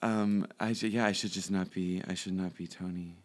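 A man's voice: deep voice, fairly even intonation, moderate pace, background noise. A young man, a podcast guest, chatting casually and rambling with lots of fillers and restarts. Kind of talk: casual interview chat.

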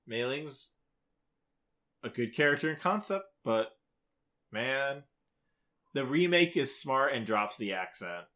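A male podcast co-host chats casually about a video game in an informal, opinionated way. His mid-range voice is expressive and sharp in tone, and he takes it slowly, with long pauses.

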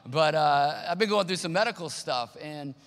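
A male pastor delivers an earnest sermon, repeating his key points and slipping into the voices of people he quotes. His voice sits high and sounds bright and forceful. The room rings with a long hall reverb. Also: expressive, moderate pace. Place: church auditorium.

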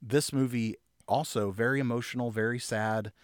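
Brief: male podcast co-host, mid-pitched, dry close sound, earnest, stop-start delivery. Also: steady tone, dry recording. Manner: earnest, halting with frequent restarts. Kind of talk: casual chat.

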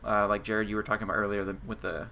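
A man with a bright, sharp voice talks fast and loosely on a podcast, rambling and sprinkling in "like". He sounds casual and relaxed as he chats. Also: on the low side, vocal fry. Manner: rambling, loose, lots of likes. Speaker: podcast co-host. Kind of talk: casual gaming chat.

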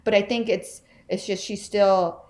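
A woman's voice: mid-range voice, fairly even intonation, measured pace, a little mellow. A woman from Texas talking candidly as an interview guest, laughing often and acting out her family's words. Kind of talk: casual conversation.

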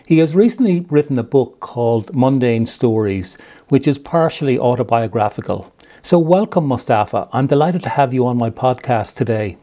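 A man hosting a podcast interview, asking measured questions in a calm manner. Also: medium pitch. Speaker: podcast host.

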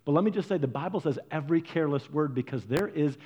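A man preaching a sermon, animated and conversational, acting out quoted voices. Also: fast, husky. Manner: animated, acts out quoted voices with big pitch jumps. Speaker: pastor.

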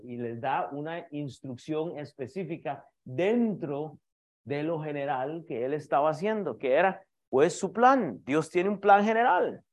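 A male pastor delivers an emphatic sermon with a high voice, calling out to his congregation again and again. He often stumbles and restarts his phrases as he presses his point. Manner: emphatic preaching, repeatedly addresses the congregation as brothers.

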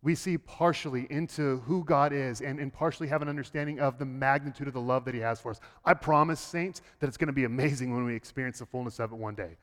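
A man preaching a sermon as pastor, swinging between loud, high bursts and hushed low passages, often repeating words as he starts a thought. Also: fast talker, hardly any pauses. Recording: long hall reverb.

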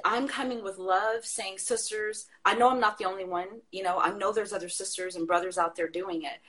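A female guest in a casual conversation speaks in a mid-range voice at a slightly fast clip. She tells stories with passion and animation, laughing as she drives her point home.

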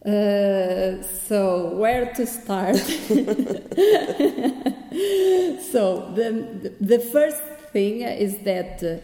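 A woman with a Portuguese accent giving halting, conversational interview answers as she searches for words. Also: mid-range voice, dark tone. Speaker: podcast guest, winemaker. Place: echoey room. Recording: echoey, reverberant room.

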